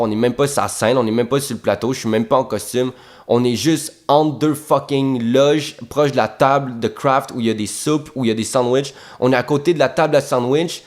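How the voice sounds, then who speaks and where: Animated young Québécois man ranting. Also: medium pitch. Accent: Québécois French. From Quebec. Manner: animated, profane, repeats words for emphasis. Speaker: actor telling anecdotes. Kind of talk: casual storytelling monologue.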